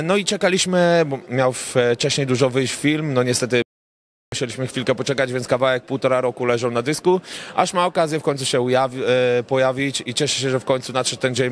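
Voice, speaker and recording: A young rapper and songwriter with a mid-range voice answers red-carpet questions in a relaxed, rambling way, full of filler sounds. He's interviewed in a crowded lobby at an indoor cinema premiere, speaking into a handheld reporter mic held near him.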